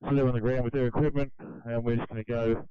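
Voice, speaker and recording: A man's voice: medium pitch, level tone, quick pace, smooth, dry recording. A man from a helicopter crew, giving a situation report over two-way radio. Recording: dry, slightly muffled aircraft radio.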